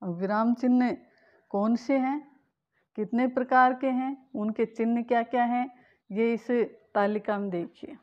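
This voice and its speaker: A woman teacher giving a patient grammar lesson to students, explaining slowly and repeating key points. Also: a little high, steady tone, lo-fi sound. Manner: slow, patient explaining with repetition.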